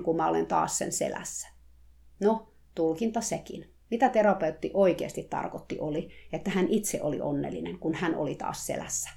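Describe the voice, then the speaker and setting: A woman reading a first-person story aloud in a calm, measured way. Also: lowish voice, gravelly. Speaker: narrator.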